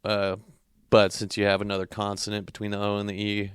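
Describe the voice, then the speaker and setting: A man's voice: on the low side, completely flat delivery, quick pace, crowd noise. A young man from California co-hosting a podcast, chatting loosely and profanely with a friend, laughing easily. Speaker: podcast co-host. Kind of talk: casual chat.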